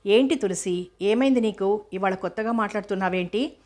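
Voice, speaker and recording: A woman voicing a caring young female friend who asks gentle, probing questions. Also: medium pitch, a little fast, lightly acted. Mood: concerned.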